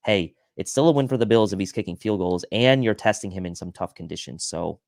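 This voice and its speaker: A man's voice: low-pitched, a little fast, creaky, a little mellow, dry recording, clean studio sound. A man co-hosting a football pregame show, breaking down the matchup with stats in an analytical way. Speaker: podcast co-host. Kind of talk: sports pregame talk show.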